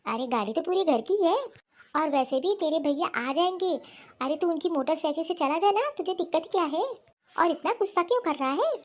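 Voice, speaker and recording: A woman's voice: extremely high pitch, expressive, fairly quick. A woman voicing a stubborn, nagging middle-aged mother-in-law in a cartoon story. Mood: dismissive. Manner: scolding, dismissive. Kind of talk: cartoon voice acting.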